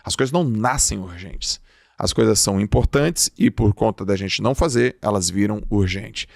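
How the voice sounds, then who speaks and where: A man with a gravelly, creaky voice gives a casual but emphatic motivational talk. He acts out small everyday exchanges as he goes, and the recording is close and dry. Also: fairly low pitch, moderate pace, no echo. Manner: emphatic, acts out little dialogues. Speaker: motivational speaker.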